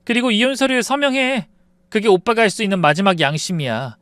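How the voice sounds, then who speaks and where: A man voicing a furious young wife who coldly confronts her deceitful in-laws, rising into shouts. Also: sits high, fairly quick, smooth, dry recording, studio quality, pitched above the performer's own voice. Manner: cold and cutting, rising to shouts.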